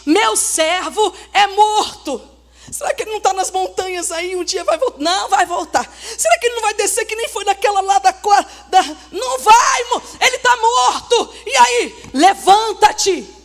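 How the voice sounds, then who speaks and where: A woman pastor preaches a fervent sermon at a church service and often breaks into shouted exhortation. Her voice is very high and gravelly, with a rough fry at the edges.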